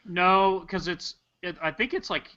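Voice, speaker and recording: A man talking loudly in a sharp, forceful voice, chatting casually as a panelist on a hobby webcast. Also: high voice, measured pace. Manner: loud talker. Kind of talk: casual hobby chat about tabletop wargaming. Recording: dull, noisy webcast audio with clicks.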